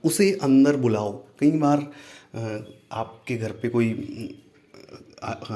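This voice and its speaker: A man teaching spoken English, repeating each phrase slowly and breaking it down word by word in a friendly, chatty way. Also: mid-range voice, dark tone. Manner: friendly, addresses viewers as friends.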